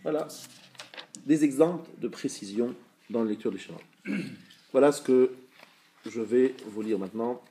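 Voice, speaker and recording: A man's voice: mid-range voice, dark tone, slight background noise. Patient man teaching a live class. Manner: patient, explanatory, checks with the class; sounds out words slowly to demonstrate. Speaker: religious teacher.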